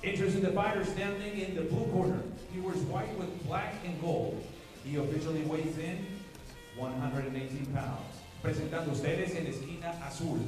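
A man's voice: high-pitched, distant mic. A man announcing a boxing bout in two languages over a handheld mic, theatrically stretching names like a lucha libre announcer. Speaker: ring announcer. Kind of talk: bilingual boxing ring announcing. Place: boxing ring in an indoor venue. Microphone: handheld microphone. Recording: echoey PA with long reverb and crowd.

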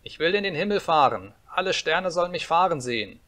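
A man reading an audiobook, voicing a demanding little boy who shouts shrilly. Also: on the high side, expressive, fairly quick, voice pushed up. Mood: eager.

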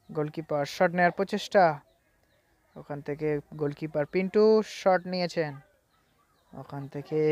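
A man giving live play-by-play football commentary in an announcer-like, repetitive delivery. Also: on the high side. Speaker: football commentator and channel host.

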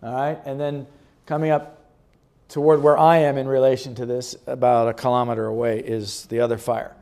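A man giving a chatty, relaxed presentation about a health retreat to a church group, showing slides and chuckling often. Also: medium pitch, moderate pace. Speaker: guest speaker presenting a health retreat ministry. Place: church meeting room.

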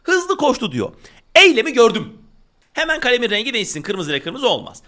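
Man teaching, emphatic, talks to students, high voice, very lively pitch. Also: brisk. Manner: animated, emphatic, addresses students directly. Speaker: Turkish teacher. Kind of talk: grammar lesson.

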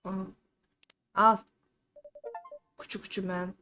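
A woman streaming a game, reading its dialogue aloud and loudly, playfully scolding the characters on screen. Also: mid-range voice, little pitch movement, slow pace, soft background music. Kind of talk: casual let's-play commentary, reading game dialogue aloud.

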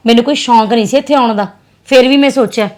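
A young woman with a Punjabi accent acting a sharp, scolding sister in a drama. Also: on the high side. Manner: scolding and fast-talking. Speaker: actress playing a sister.

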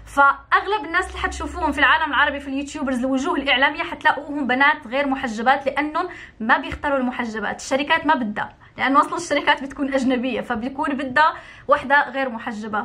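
A young adult Moroccan woman, a YouTuber, speaks her mind to camera in an opinion vlog. Her high-pitched voice is rapid-fire and sharp, and she sounds emphatic and indignant, repeating points for stress.

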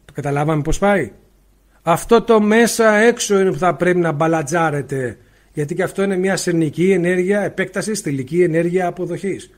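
High-pitched male spiritual teacher, talking loud and emphatic over a bad mic on a live stream. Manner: loud, emphatic, asks rhetorical questions. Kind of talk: livestream talk. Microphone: faulty mic, spoken loudly into it.

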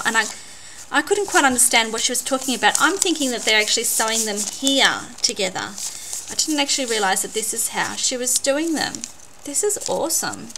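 An Australian woman unboxing a craft gift on her vlog, gushing and excitable, often repeating words. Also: a little high. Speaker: craft vlogger. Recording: noisy home recording.

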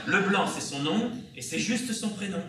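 A man's voice: high-pitched, lively intonation, moderate pace. A man acting in an amateur stage comedy, playing an impatient, bossy man who is sarcastic and exasperated. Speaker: stage actor. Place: theater stage. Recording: echoey theater from far off, loud noise.

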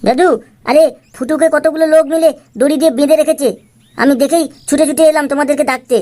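A woman's voice: sits high, fairly even intonation, fast talker, darkish tone, natural voice. Woman voicing an urgent little cartoon boy. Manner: urgent, pleading. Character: breathless little village boy bringing urgent news.

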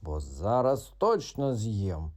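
Low, slow, growling tomcat with a puffed-up noble air , as a man voices him. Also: very animated, a little mellow, heavily acted. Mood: menacing. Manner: growling, slow, drawn-out threats. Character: proud, grumpy tomcat, noble and blustering.

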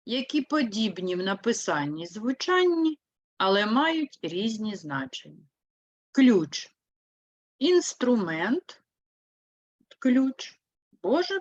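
Lively Ukrainian woman teaching young kids. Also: mid-range voice, dry recording, lo-fi sound. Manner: slow, clear, explains with lively emphasis. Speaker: primary school teacher. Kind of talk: online lesson for third graders.

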